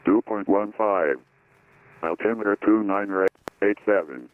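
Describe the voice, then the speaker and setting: A man's voice in an airport weather broadcast, heard over an aircraft radio as a flat, repeating recorded readout of weather figures. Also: on the low side, measured pace. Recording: tinny dry radio channel.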